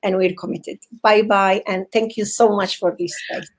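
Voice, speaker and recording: An earnest woman psychotherapist giving a heartfelt motivational speech. She talks in a halting way, restarting and repeating words as she searches for them, and her voice sits in an ordinary middle range. It sounds like she is speaking on a video call. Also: medium pitch, little pitch movement, poor audio. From Venezuela.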